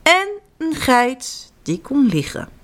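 A woman telling children's stories aloud in an animated, expressive way. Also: sits high, slow pace. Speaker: storyteller.

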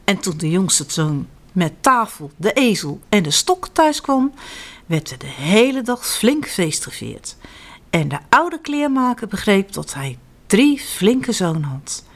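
Lively woman reading children's stories. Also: medium pitch, a little slow. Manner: animated, expressive storyteller. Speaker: storyteller.

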